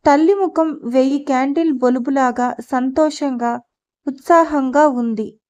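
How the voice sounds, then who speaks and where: A woman reads a novel aloud as an audiobook narrator, in a steady and measured way. Her voice sits high, and the recording sounds a little dull and muffled.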